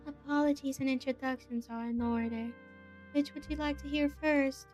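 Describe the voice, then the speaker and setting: A woman voicing a tall, composed female witch who speaks in a cool, measured, formal way. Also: high voice, soft background music, close to an everyday voice. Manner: calm, measured, formal phrasing.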